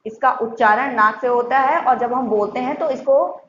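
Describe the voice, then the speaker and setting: High-voiced woman teaching grammar patiently. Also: fairly bright tone. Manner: patient, repeats points and sounds out examples slowly. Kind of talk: Hindi grammar lesson for schoolchildren. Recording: muffled echoey room with faint hiss.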